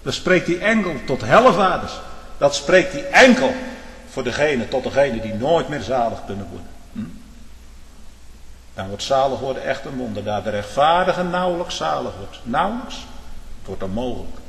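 A male preacher speaks to his congregation in a church, checking in with them again and again, then surging into forceful, shouted warnings. His mid-pitched voice rings through a roomy hall with a long, trailing reverb. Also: expressive, normal speed. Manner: checks in with the congregation with repeated "hm?" and "hoor"; rises to forceful shouting at climaxes. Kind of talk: fiery sermon and prayer.

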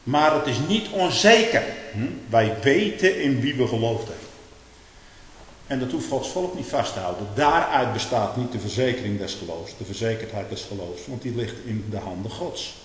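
An older man preaching, his voice carrying through a large reverberant hall. A faint hiss sits under the recording, and his delivery swings from low storytelling to forceful outbursts. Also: expressive, normal speed. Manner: emphatic preaching that rises to loud outbursts. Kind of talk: sermon.

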